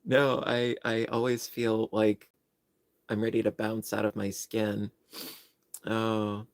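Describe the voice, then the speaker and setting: Here the New York host talks slowly in a fairly low, completely flat voice, captured in a dry recording. He's chatting on his livestream, wandering off topic and making self-deprecating jokes.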